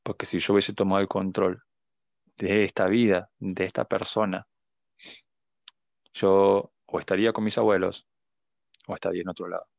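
A man's voice: low voice, flat delivery, moderate pace, gravelly, pauses often, dry recording, muffled recording. A young man with an Argentine accent, a guest giving an earnest, emotional faith testimony. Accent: Argentine Spanish. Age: young adult.

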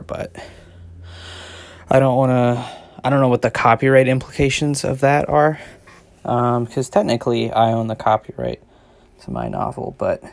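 A man hosting his own podcast, talking in a loose, rambling monologue full of "like" and out of breath. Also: mid-range voice. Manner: rambling, heavy use of filler "like". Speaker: podcast host.

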